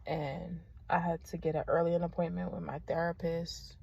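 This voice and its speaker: A young woman teacher, giving a candid vlog update straight to her viewers, often soft and subdued. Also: fairly low pitch, level tone, moderate pace, vocal fry, lo-fi sound, slight background noise.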